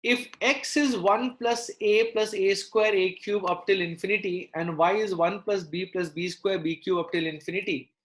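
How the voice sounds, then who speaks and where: A man's voice: sits high, a bit bright. A man teaching a live online maths lesson, explaining step by step and checking in with questions. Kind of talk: live online lesson, working through problems aloud. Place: indoor room, live online class.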